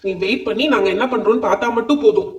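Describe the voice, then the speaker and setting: A man's voice: sits high, rapid-fire. A man voicing dolls in a comedy show, bossy and teasing as he explains cooking. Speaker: doll-show voice performer. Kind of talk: playful doll-show voice acting. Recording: echoey, distant mic.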